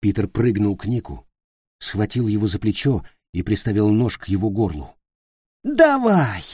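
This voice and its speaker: A man reading fiction aloud as an audiobook narrator, slow and deliberate. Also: on the low side, dark tone, slightly rough, no room sound, studio quality.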